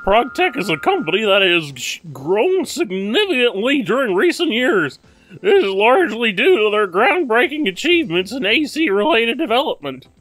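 A man's voice: high-pitched, a bit bright, exaggerated voice. A man putting on a stiff formal company spokesman. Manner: stiff, courteous, put-on formal voice. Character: formal corporate male representative reading a letter.

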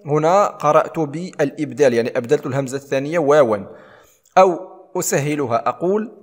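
A man teaching a tajweed lesson, explaining rules and then reciting verses slowly with long drawn-out vowels. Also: fairly high pitch, long reverb tail.

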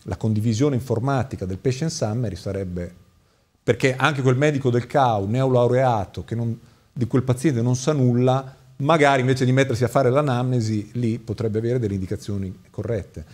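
A man's voice: mid-range voice, normal speed, darkish tone. A man speaking as a doctor and studio guest on a talk show, critical and hesitant, with many fillers.

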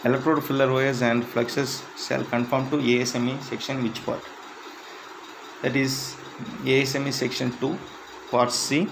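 A man reading interview questions and answers aloud in a plain, measured way, with slightly halting phrasing. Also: medium pitch, level tone, creaky, noisy background. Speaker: instructor.

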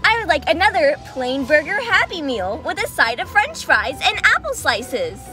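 Girl doing dora ordering at a drive-thru, super high and bouncy, loud music behind. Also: very animated, moderate pace. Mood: chirpy. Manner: ordering food at a drive-through speaker in a chirpy, prim tone. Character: cheerful young female explorer ordering at a drive-through. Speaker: family vlogger doing a prank. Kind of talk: comedic prank roleplay.

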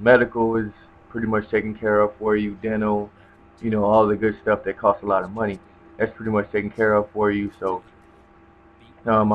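A young man giving casual gameplay commentary in a rambling, hesitant, laid-back way. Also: fairly low pitch. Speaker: gamer commentator. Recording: dull lo-fi mic with loud noise.

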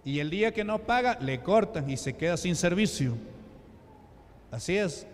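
A man with a Peruvian Spanish accent preaching a sermon as a deacon, slow and emphatic, with rhetorical questions and sudden drops to a low voice. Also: lively intonation. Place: church sanctuary. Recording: reverberant church hall.

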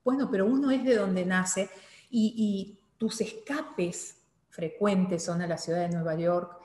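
A woman in her thirties, a television presenter, interviewing a guest with expressive questions. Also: medium pitch, measured pace. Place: small studio room. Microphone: desk mic. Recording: echoey room with long reverb.

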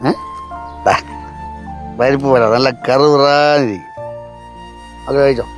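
A man's voice: mid-range voice, takes it slowly, faint music behind, natural voice. An actor playing a stubborn, drunk father who coaxes his daughter with doting baby talk. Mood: coaxing. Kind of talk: sitcom acting.

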